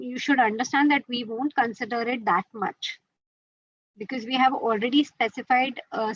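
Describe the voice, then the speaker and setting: A quiz organizer with an Indian accent teaches students the rules during a webinar on a video call, mixing Hindi with English and using many fillers. Her voice is a little high, with no room sound and the highs cut off.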